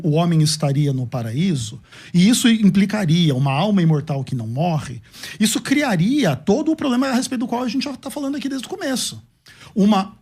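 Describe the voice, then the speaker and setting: Man, brazilian accent, debater, high pitch, husky voice, measured argument. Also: a little mellow. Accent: Brazilian Portuguese. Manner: measured, formal, builds his argument point by point. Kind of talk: theological debate.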